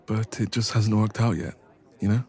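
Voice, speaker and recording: This man has a lowish, slightly mellow, husky voice and talks at a normal speed. In an intimate romance ASMR roleplay, he plays a bashful, evasive best friend hiding a crush, sounding amused and sheepish as he carries a one-sided conversation.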